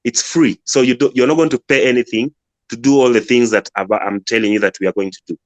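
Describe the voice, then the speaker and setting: A man's voice: medium pitch, steady tone, fast, no room sound. A man from Uganda, a guest speaker explaining his farm app in an earnest way with many restarts. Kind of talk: casual pitch on a live audio room.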